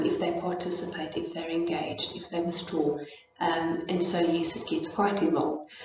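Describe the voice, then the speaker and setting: A middle-aged South African woman presents an informal talk on parenting and child development, thinking aloud with many fillers and restarts. Her voice is lowish and a little mellow, and the recording sounds echoey, distant and dull, as if made in a room.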